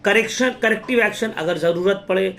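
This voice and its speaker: Young male teacher, high lively voice. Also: fairly quick, a little hiss or hum. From India. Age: young adult. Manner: lively, talks straight to students with Hinglish terms and acted examples. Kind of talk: exam-prep lecture.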